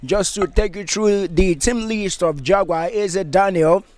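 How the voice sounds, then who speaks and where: A man giving pre-match football commentary, formally reading out a team list in a steady rhythm. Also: sits high, unhurried, dry recording.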